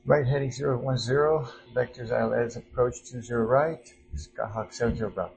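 Quick guy pilot on headset radio rattling off readbacks from the cockpit. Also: mid-range voice, gravelly, darkish tone, faint music behind, low-quality recording. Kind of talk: clipped aviation radio readbacks.

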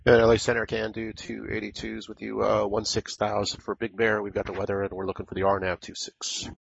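Pilot guy on a cockpit headset, gravelly husky voice, quick clipped radio readbacks, muffled. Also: fairly low pitch, no room sound. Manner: terse, clipped, flat procedural phrasing. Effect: pilot on a cockpit headset over aircraft radio. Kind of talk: radio readbacks to air traffic control.

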